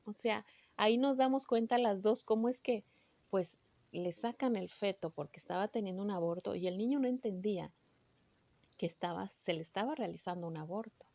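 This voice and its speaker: A woman's voice: mid-range voice, dry recording. Earnest woman, dull dry recording. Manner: earnest, emotional, halting with restarts. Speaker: spiritual healer recounting a session. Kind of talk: personal storytelling.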